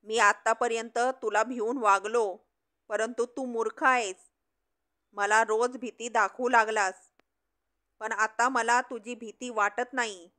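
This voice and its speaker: Storybook role, voiced by a woman narrator: a defiant man who talks back with a sneer, slow-paced. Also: fairly high pitch, fairly even intonation, sharp tone. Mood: defiant, mocking. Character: defiant former master of the house, a man.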